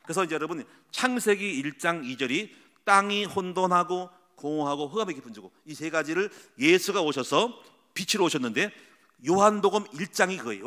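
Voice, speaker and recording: A middle-aged man preaches in a long, ringing church hall. His voice runs fairly high and bright, with a sharp edge. It swings up and down a lot as he tells stories and drops into quoted voices. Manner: lively storytelling, acts out quoted voices. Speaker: pastor. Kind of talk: sermon. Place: church sanctuary.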